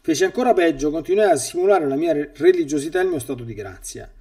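A man's voice: a little high, expressive, fast, dark tone, distant mic. A man who is a priest, reading a testimony aloud and commenting on it in an emphatic catechesis sermon, often stammering and repeating words when he speaks freely.

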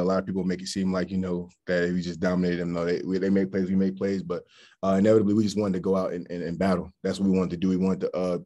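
A young college football offensive lineman answers questions at a post-game press conference, talking fast in a deep, dark-toned voice. He comes across as earnest, rambling with fillers and restarts. He's indoors in front of a press backdrop, heard over a video call.

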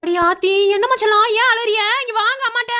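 A woman's voice: extremely high pitch, fast talker, very noisy. A woman playing a fussing old grandmother in a cartoon, with a Madurai Tamil accent.

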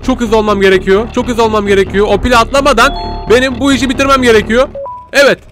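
Male gaming streamer, high voice, jumpy horror playthrough, faint music under. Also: steady tone, quick pace, fairly bright tone. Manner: jumpy, yelps and laughs when scared; talks to viewers and game creatures. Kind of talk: live horror game commentary.

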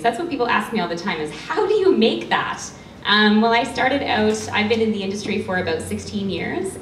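Speaking into a handheld mic, a cosmetics maker from Canada in her thirties gives a passionate, emotional talk as a panel guest, laughing often, her loud voice fairly low in pitch. The small audience sits with her in a compact studio event room. Captured by a far-off camera, the audio sounds roomy and carries a faint hum.

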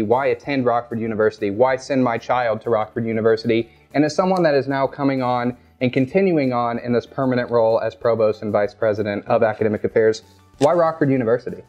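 A man's voice: medium pitch, darkish tone. An upbeat young man hosts a casual interview, chatting away cheerfully between bites. The sound is a little dull and lo-fi. Faint music plays underneath. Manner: upbeat, talks with mouth full. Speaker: host. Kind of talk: casual interview over food.

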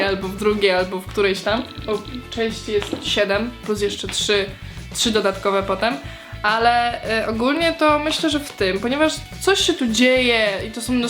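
A woman's voice: fairly high pitch, fairly bright tone. A young woman answering viewer questions in a casual vlog, chatty and hesitant, with many fillers and restarts.

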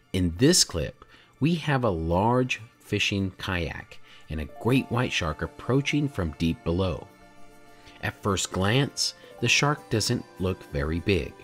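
Lively-voiced man narrating calmly. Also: lowish voice. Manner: measured, explanatory, rhetorical questions. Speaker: drone videographer and channel host. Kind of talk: documentary voice-over narration. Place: home studio room, indoors.

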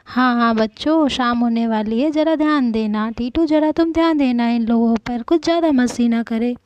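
A gentle mother voiced by a woman in a homemade doll-play story, calmly warning and reassuring her children. Her voice is fairly high, and the sound is dry and close to the mic. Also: normal speed, no echo, muffled recording, natural voice. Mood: caring.

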